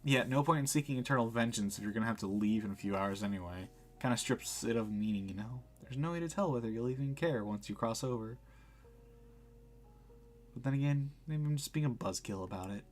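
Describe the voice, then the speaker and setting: A man with a medium-pitched, everyday-sounding voice speaks a little fast with lively intonation, over a faint hiss or hum. He voices a visual-novel cafe barista who guides the dead, laid-back, dry and kindly. His delivery is wry and matter-of-fact, with a reassuring touch.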